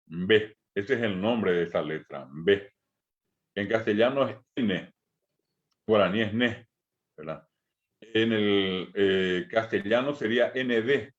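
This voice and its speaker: Man, Paraguayan accent, language teacher, very slow, repeats sounds, dull lo-fi audio. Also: lowish voice. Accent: Paraguayan Spanish. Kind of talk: online language lesson.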